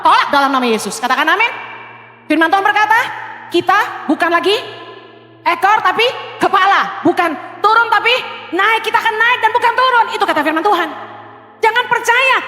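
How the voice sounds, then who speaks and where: A middle-aged woman pastor preaching a lively, conversational sermon from a church stage. She mixes in English phrases and swings between loud calls and low asides. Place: church stage before a congregation. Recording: echoey hall, reverb.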